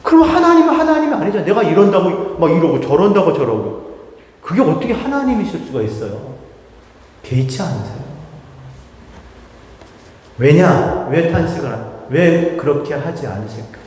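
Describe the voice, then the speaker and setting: A man's voice: on the high side, normal speed, long pauses. A male pastor preaching, leading the congregation in reading and asking many rhetorical questions. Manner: animated, full of rhetorical questions. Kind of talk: sermon with congregation reading aloud. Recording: echoey hall with faint noise.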